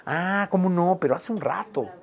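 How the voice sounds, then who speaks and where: A man's voice: high-pitched, moderate pace, creaky. A man hosting a casual interview, chatty and jumping in with short reactions.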